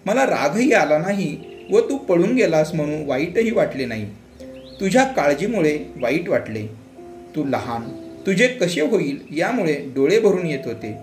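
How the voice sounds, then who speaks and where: A man voicing a loving village mother who speaks softly and gently, comforting her son. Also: on the high side. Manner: soft, gentle and consoling. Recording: echoey room with faint music.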